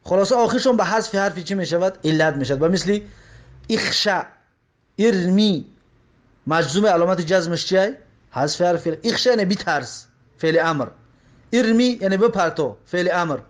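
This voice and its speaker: A man gives a grammar lesson in a high-pitched voice. He drills the same examples over and over, posing questions and answering them himself in a steady teaching manner. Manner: repeats examples, asks and answers own questions.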